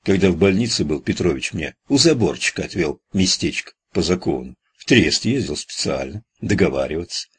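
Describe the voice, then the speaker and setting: A man's voice: deep voice, lively intonation, brisk, hardly any pauses, breathy edge, heavily acted. A man voicing a coarse, blunt old gravedigger in an audiobook, grumbling in slangy talk.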